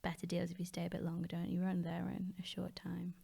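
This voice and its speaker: A woman's voice: fairly low pitch, completely flat delivery, fast talker, gravelly, warm tone, slightly rough. A woman co-hosting a travel podcast, chatting casually and supplying the practical details in a matter-of-fact way. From United Kingdom.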